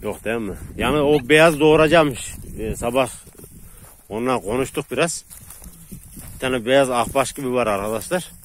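A man casually talking to viewers while herding sheep with his dogs outdoors, laughing often and calmly calming the dogs. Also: medium pitch, normal speed. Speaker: shepherd vlogger. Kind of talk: casual outdoor vlog narration. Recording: outdoor noise, wind and animals.

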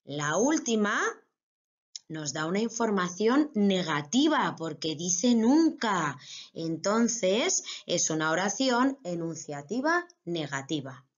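Patient Spanish teacher explaining to kids. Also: female voice, lowish voice, very animated, takes it slowly, highs cut off. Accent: Spain Spanish. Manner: patient, explains step by step to children. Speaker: primary school teacher. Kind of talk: recorded online grammar lesson.

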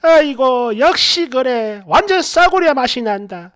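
Man putting on a shrill spiteful mother. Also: lively intonation, unhurried, fairly bright tone, no echo, clean studio sound, heavily acted. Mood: sneering. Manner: shrill, scornful scolding. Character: older female mother, sneering and spiteful.

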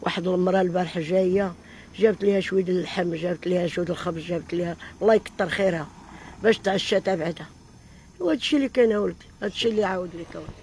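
A woman's voice: fairly low pitch, rapid-fire, darkish tone, slight background noise. An older woman with a Moroccan Arabic accent, pleading for help in an interview and calling on God often, recorded in an outdoor tent on a handheld mic. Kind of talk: pleading casual talk.

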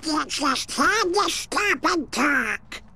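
A man playing a cranky cartoon duck in a video game, with a garbled, quacking, creaky voice. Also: very high voice, lively intonation, drawn-out words, pushed and bright, heavily acted. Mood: grumpy.

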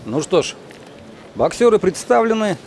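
A man giving live boxing commentary in measured, short phrases with pauses. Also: high voice, very animated, a little mellow, slight background noise.

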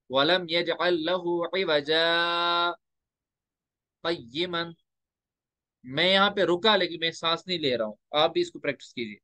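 A man teaching Quran recitation rules in a lecture, explaining step by step and slowing down to recite example verses. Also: fairly high pitch, fairly bright tone, no echo.

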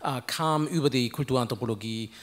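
A man's voice: medium pitch, brisk. A man, an anthropologist, explaining in an academic, hesitant way with many fillers on a handheld mic in a large hall. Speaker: anthropologist guest. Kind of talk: panel discussion.

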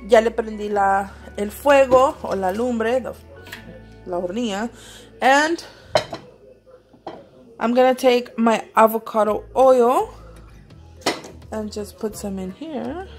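A woman's voice: a little high, slow pace, pauses often, faint music behind. Bilingual young woman chatting while cooking. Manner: switches between English and Spanish mid-sentence. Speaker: home cooking vlogger. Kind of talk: casual cooking vlog chat. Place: home kitchen, indoors. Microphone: handheld phone camera.

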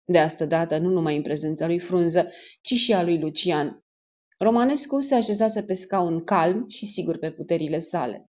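A woman narrating an audiobook in a measured, even storytelling manner, in a dull lo-fi recording. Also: fairly low pitch. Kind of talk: scripted narration of a spy novel.

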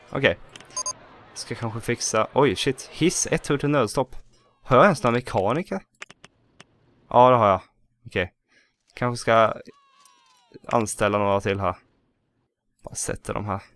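A man with a Swedish accent giving casual let's play commentary, chatting to himself and swearing at small mishaps. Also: medium pitch. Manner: chatty, self-talking, swears at mishaps, bursts into excited shouts.

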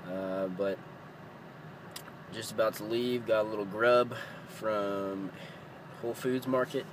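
A young man talking casually to his phone camera on a road trip, relaxed and offhand while he is a bit under the weather. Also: lowish voice, slow, background noise. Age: young adult. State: sick. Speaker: vlogger. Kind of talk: casual travel vlog. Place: car, campsite and tent. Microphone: phone held at arm's length.

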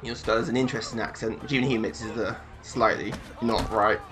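A man's voice: fairly low pitch, fairly even intonation, fast, over music. A man casually commentating on a video game in a joking, chatty way. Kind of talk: casual let's-play commentary.

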